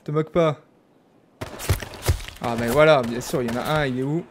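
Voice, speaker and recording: A young man from France giving casual, animated commentary as he streams a game. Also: mid-range voice, moderate pace. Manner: chatty, animated, jokey, exclaims loudly. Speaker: gaming streamer. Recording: faint background noise.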